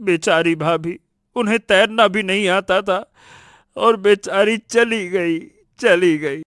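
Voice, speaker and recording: A sly, mournful village friend. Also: male voice, sits high, slow pace, fairly bright tone, no echo, clean studio sound. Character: sly middle-aged village man, the family's friend. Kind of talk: Hindi cartoon story dubbing.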